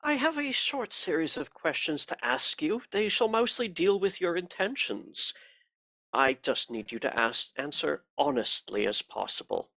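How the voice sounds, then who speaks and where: Guy doing an inquisitor for a tabletop game, coolly polite n formal, quietly menacing, pitch swings around. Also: very animated, unhurried, vocal fry, exaggerated voice. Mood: politely probing. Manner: coolly formal, courteous, interrogating. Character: softly polite, menacing Inquisitor questioning a bound prisoner.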